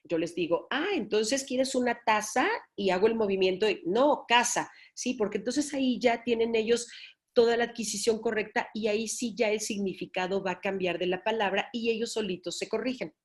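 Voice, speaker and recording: A woman's voice: mid-range voice, steady tone, brisk, darkish tone. A woman speech therapist giving an informal talk to parents, often checking in with "¿sí?". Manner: explanatory, checks in with "¿sí?". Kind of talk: informal lecture.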